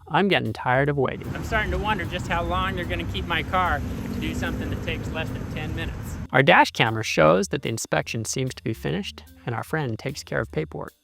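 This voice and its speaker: A man's voice: on the high side, vocal fry, fairly bright tone. A man hosting and narrating a consumer investigation with an emphatic, indignant delivery. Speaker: video host and narrator. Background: music.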